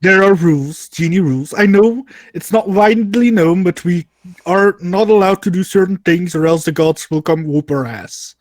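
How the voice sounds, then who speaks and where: A man voicing a grandiose genie, proclaiming theatrically with drawn-out words in a tabletop game. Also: high voice, dry recording, natural voice. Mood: bossy. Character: grandiose male genie freed from a lamp.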